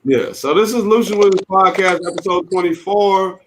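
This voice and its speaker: A man's voice: high voice, moderate pace, a bit bright, a little hiss or hum, rough recording. A man hosting a podcast in casual group chat, laid-back and profane, laughing often. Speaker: podcast host.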